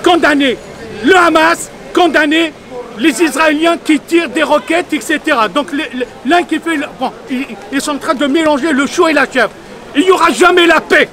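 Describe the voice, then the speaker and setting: An angry, insistent man speaks into a reporter's mic on a city street during a protest. His voice sits very high and sounds bright and forceful. He halts often, repeating words as he hunts for the next one, while a faint crowd murmurs around him. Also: moderate pace. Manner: hesitant, many restarts and repeated words. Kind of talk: street interview.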